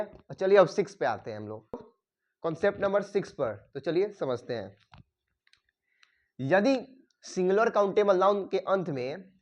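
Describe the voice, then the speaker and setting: ऊँची आवाज़ वाले हिंदी शिक्षक. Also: male voice, high voice, a little mellow, muffled recording. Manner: repeats "ठीक है" often, dictates rules slowly. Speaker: English grammar teacher. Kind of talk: classroom-style grammar lesson.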